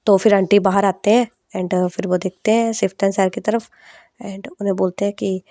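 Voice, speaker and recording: A woman's voice: medium pitch, little pitch movement, normal speed, warm tone, dry recording. Chatty woman telling a story. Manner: chatty, loose retelling with fillers. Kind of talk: casual spoken storytelling.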